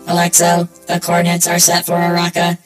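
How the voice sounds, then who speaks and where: A woman voicing a calm, dutiful male robot with a robotic voice, giving flat, formal reports. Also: on the low side, fairly quick, echoey room, lightly acted, low-quality recording. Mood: matter-of-fact. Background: soft music.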